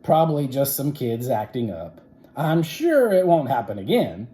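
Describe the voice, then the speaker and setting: A man's voice: medium pitch, very animated, normal speed, dark tone, voice pushed up, lightly acted. A man voicing a stern, menacing witch of a schoolteacher, a woman, with a scratchy, commanding delivery for a children's storybook. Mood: feigning innocence. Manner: bossy, commanding.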